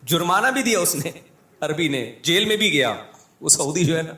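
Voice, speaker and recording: A man with a Pakistani Urdu accent, a religious scholar telling humorous anecdotes in a lively way and acting out the people in them. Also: a little high, moderate pace, roomy sound. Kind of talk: humorous storytelling talk.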